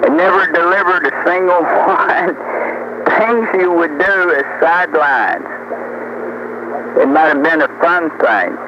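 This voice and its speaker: On a muffled, noisy CB recording, an older storyteller boasts and rambles in a folksy manner, frequently asking rhetorical questions. His voice runs on the high side, expressive and at a measured pace.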